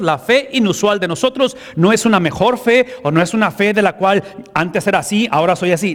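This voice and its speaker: A man with a notably high voice delivers a sermon, pressing his points with rhetorical questions to the congregation. His voice rings with a long reverb from a large church hall. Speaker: pastor.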